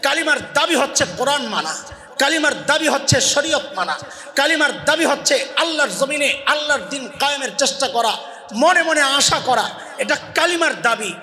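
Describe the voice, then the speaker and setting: High, bright-voiced shouting preacher. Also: male voice, expressive, normal speed. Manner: shouted, quizzes the crowd and makes them repeat answers. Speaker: Islamic preacher. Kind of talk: Bengali waz sermon with call-and-response. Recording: long echoey reverb of a big space.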